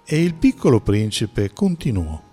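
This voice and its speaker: A man narrating a storybook in a measured, storytelling manner. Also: mid-range voice, wildly swooping pitch, warm tone, breathy edge, faint music behind. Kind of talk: scripted audiobook narration.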